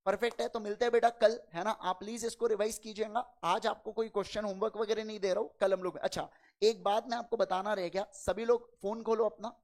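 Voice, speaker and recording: A man lecturing an accounting class, firing quick questions at his students and addressing them in a fatherly way. He is a little unwell and talks slower than usual. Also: high voice, level tone, a little mellow. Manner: quizzes the class with quick call-and-response questions; fatherly, calls students "beta". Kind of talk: classroom lecture in Hindi and English.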